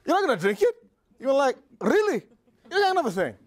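A middle-aged man giving a motivational business talk to a live audience, telling a story in a lively, conversational way. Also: extremely high pitch, rapid-fire. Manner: animated, conversational storyteller with frequent "you know". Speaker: business speaker. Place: live presentation before an audience.

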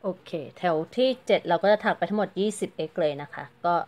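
A woman with a fairly low, darkish voice talks fast as she leads a casual, chatty crochet tutorial. She counts stitches out loud and politely explains every step.

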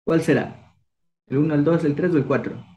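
An upbeat young man from Ecuador who teaches Kichwa quizzes his online class, asking encouraging, coaxing questions. His voice is fairly high-pitched and dark in tone, at normal speed.

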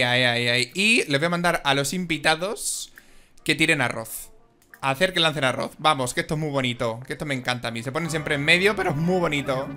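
A man giving casual, excitable and emotional commentary on a life-simulation game. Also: a little high. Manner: excitable and emotional, exclaims and giggles. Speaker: gaming video host.

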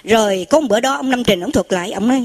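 A woman preaches in a homely storytelling way, slipping into the voices of her characters. Her voice sits a little high. The sound is dry and close, with no room around it. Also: rapid-fire, no room sound. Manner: folksy, animated storytelling with quoted voices. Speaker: Buddhist lay preacher. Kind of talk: storytelling sermon.

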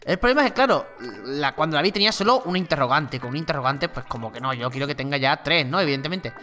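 A gaming channel host with a Spain Spanish accent giving chatty, excitable gameplay commentary. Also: medium pitch, quick pace, soft background music. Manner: excitable, chatty, exclaims and laughs during play.

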